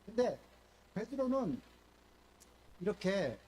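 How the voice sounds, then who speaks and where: An older male pastor giving a sermon, telling stories with animated delivery and acting out quoted speech. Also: sits high, takes it slowly, slight background noise. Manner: animated storytelling, voices quoted speech, fillers and restarts.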